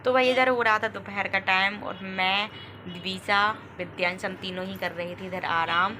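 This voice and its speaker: A young mother talks over home footage in a relaxed, conversational voice-over at an ordinary middle pitch. She rambles in a homely way, with frequent fillers and self-corrections. A faint hiss of background ambience sits under her voice. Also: moderate pace. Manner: homely, chatty, with filler "ना" and restarts. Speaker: family vlogger, mother.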